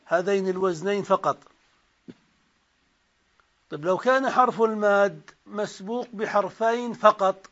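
A man giving a classical Arabic grammar lecture, slowly spelling out examples and reciting verses. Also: high voice, fairly bright tone. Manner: slow, deliberate dictation of examples and verses. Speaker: grammar teacher. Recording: dull lo-fi lecture recording.

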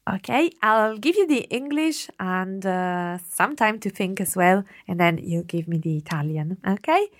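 A woman teaching Italian, reading out sentences and explaining grammar with clear patience. Her voice sits at a middling pitch. The recording is dry and close. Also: unhurried, few pauses, no room sound. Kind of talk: language lesson.

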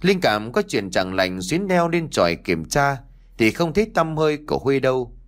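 A male storyteller reading an audiobook. His delivery is expressive and lively, rising and falling freely in pitch as the tale unfolds. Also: moderate pace. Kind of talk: audiobook narration.

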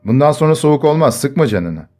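A man's voice: fairly high pitch, big pitch swings, a little fast, a little mellow, pitched above the performer's own voice. A man voicing a wry, grinning man from a nearby camp who gives advice. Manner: wry, advising. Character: grinning male camp onlooker.

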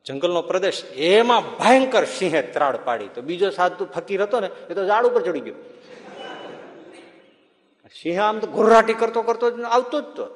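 A male religious storyteller delivers a devotional discourse in an animated storytelling manner. His voice sits a little high, and a long hall reverb follows his words.

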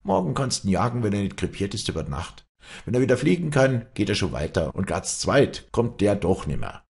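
Storybook role: strict Bavarian older brother, read by a male narrator, commanding, lively and a bit gravelly. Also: fairly low pitch, brisk, voice pushed up. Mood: calm. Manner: stern, commanding. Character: stern elder brother, head of household.

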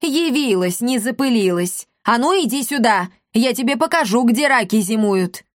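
Storybook innkeeper, male, middle-aged, voiced by a woman: fussy, gleeful, loud. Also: a little high, lively intonation, normal speed, no room sound, studio quality, voice pushed up, natural voice. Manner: gleeful and shouting.

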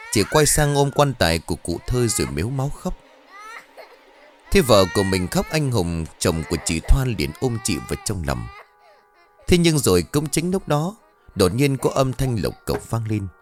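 A man tells a ghost story in a low voice that swings widely in pitch. His narration is dramatic and expressive, with faint music running underneath.

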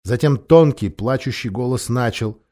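A man's voice: mid-range voice, moderate pace, dark tone. A man reading a story aloud with dramatic expression. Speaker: narrator. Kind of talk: audiobook reading.

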